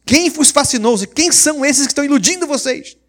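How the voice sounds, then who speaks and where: A stern, indignant older apostle scolds his followers in a sharp, raised, high-pitched voice, as a preacher acts him out within a sermon. The delivery is vehement and exasperated. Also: a little fast. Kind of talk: sermon with acted quotations.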